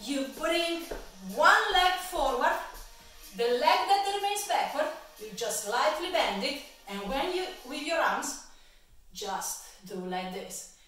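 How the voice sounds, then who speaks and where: Slow, high-voiced woman leading exercises. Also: animated, a bit bright. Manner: encouraging, counts reps aloud slowly. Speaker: exercise instructor. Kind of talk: guided exercise class. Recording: echoey room, from far off, faint music.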